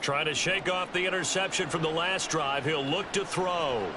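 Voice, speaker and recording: A man's voice: a little high, moderate pace, noisy background, close to an everyday voice. An American man giving play-by-play football commentary in a video game.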